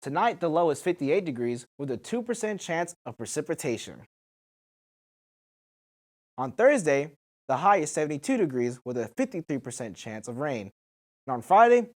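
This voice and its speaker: A teenage boy presenting the weather on a student news show, reading temperatures and rain chances steadily. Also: fairly high pitch. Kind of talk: scripted weather report.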